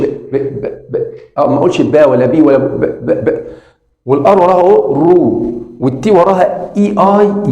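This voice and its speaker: A man with an Egyptian Arabic accent teaches English phonics to beginners, repeating sounds slowly and talking straight to the viewer. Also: on the high side, mellow, echoey room. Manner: drills sounds slowly and repeats them, addresses the viewer directly.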